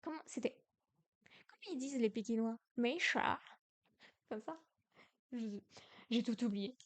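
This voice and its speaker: A woman's voice: a little high, moderate pace, warm tone. A young woman from France in a casual livestream study session, repeating syllables aloud and exaggerating the tones. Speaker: streamer learning Chinese.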